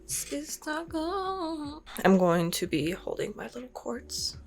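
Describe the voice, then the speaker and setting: Faint music plays behind a woman in her twenties who vlogs casually for her YouTube channel. Her voice sits high and is very animated, though her pace is slow, and she rambles openly with plenty of fillers.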